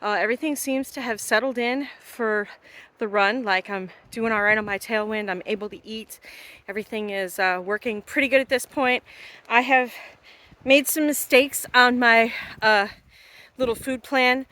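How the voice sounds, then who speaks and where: A woman's voice: fairly high pitch, fairly even intonation, normal speed, sharp tone. A woman talking casually and thinking aloud while on the move in a trail race, giving chatty vlog check-ins outdoors. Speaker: vlogger running a trail race. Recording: noisy outdoor handheld recording with clicks.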